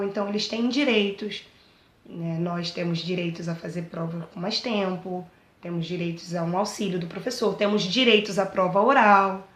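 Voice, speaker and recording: A Brazilian woman speaks casually and earnestly about her own experience. She keeps checking that the listener is following and pleads warmly with teachers. Her mid-pitched voice rings out in a roomy, echoing space. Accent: Brazilian Portuguese. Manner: chatty, keeps asking "entendeu?". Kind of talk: casual personal talk to camera.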